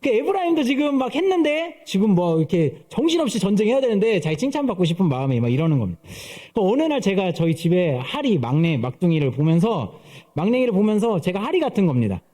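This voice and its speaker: A man's voice: high-pitched, big pitch swings, fast, dark tone. A man in his thirties preaching a sermon at church, telling stories and playfully mimicking voices. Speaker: pastor. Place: church sanctuary.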